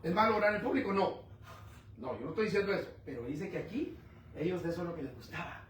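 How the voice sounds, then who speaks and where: A man's voice: sits high, lively intonation, quick pace. Man, preacher, sermon, echoey church hall, faint background noise. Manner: rhetorical questions, swings between loud and quiet. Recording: echoey room, mic at a distance.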